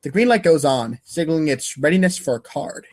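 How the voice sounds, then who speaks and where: Fairly high-pitched and a little fast, with lively intonation, a man narrates a webcomic readers' theater script. His dramatic reading is wry, and he occasionally stumbles over the words.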